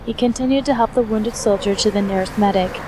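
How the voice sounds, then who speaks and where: Reading fan fiction as narrator, this woman moves fast through a scripted story in a medium-pitched voice. Steady background noise runs through the noisy hobby recording.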